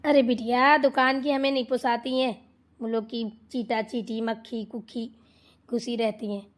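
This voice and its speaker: A woman voicing a loud, nagging older mother-in-law in a cartoon, scolding and complaining. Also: on the high side, level tone, moderate pace, natural voice. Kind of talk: cartoon voice acting.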